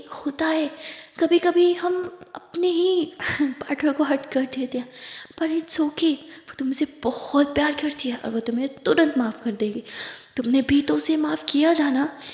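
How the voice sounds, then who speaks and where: A woman's voice: high voice, unhurried. A woman voicing a caring young woman who coaxes a friend and soon loses patience. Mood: coaxing. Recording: echoey room with long reverb.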